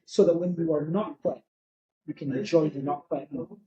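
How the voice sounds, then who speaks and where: A middle-aged man talks through his thoughts on life as a podcast guest, slow to draw conclusions and fond of a good saying. His voice sits a little high for a man yet sounds soft and warm. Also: muffled recording. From Barbados. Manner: reflective, philosophical. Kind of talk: casual podcast conversation.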